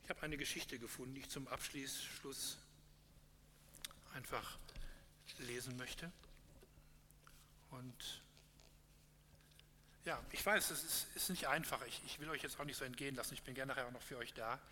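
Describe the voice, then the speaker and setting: An earnest man preaching and telling a parable, with small hesitations along the way. His voice is bright and clear-toned. The recording has a long hall reverb and a faint hum. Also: medium pitch, moderate pace, long pauses. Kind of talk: sermon closing with a read parable.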